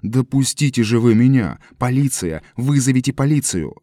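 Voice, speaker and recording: A man doing a panicked shopkeeper shouting. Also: sits low, unhurried, no room sound, clean studio sound. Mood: frantic. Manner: frantic shouting, then weary. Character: frightened middle-class man, shopkeeper, panicking.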